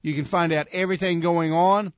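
A man's voice: fairly high pitch, steady tone, fairly quick, dry recording, studio quality. A man hosting a radio show, talking casually and rambling with many fillers.

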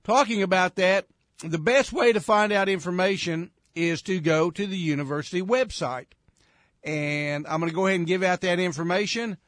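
A man hosts a casual radio show in a bright, high voice. He rambles warmly through announcements with plenty of fillers. The sound is dry and close, as in a small studio. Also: dry recording. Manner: rambling, friendly, many fillers.

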